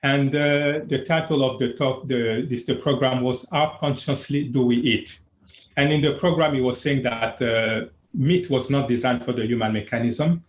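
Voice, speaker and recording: A man from Congo, a wellness coach, telling his own story as an interview guest in an earnest, plain-spoken way with halting restarts. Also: medium pitch, echoey room.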